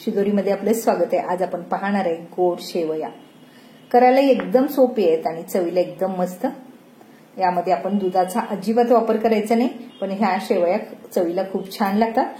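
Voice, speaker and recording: A woman hosting a cooking channel, calmly walking through a recipe step by step in a home kitchen. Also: medium pitch, moderate pace. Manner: calm, step-by-step instructive. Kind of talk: recipe narration. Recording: echoey kitchen, faint noise.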